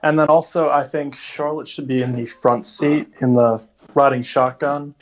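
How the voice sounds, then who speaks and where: A man's voice: medium pitch, fairly even intonation, moderate pace, low-quality recording. A man with a mid-range voice playing in a tabletop game. He thinks aloud casually and works out his moves as he speaks. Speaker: player.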